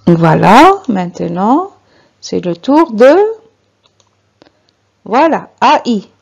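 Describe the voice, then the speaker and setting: A woman's voice: medium pitch, sing-song, drawn-out words, vocal fry, breathy edge. A woman teacher leading a beginners' reading lesson, spelling out letters and syllables one at a time and repeating each word. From Algeria. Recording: slightly dull lo-fi recording.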